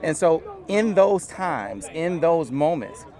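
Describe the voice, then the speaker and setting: Male sports interviewer, friendly and conversational, voice sits a touch high. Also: very animated, slow, darkish tone. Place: outdoors at a youth football camp.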